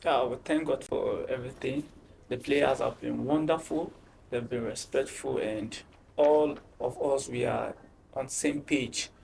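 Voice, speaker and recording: A man with a gravelly, creaky voice, speaking as a football team captain in an interview. He talks haltingly, stumbling over and repeating words. Light noise sits under the recording. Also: mid-range voice, steady tone, darkish tone. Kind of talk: interview answers.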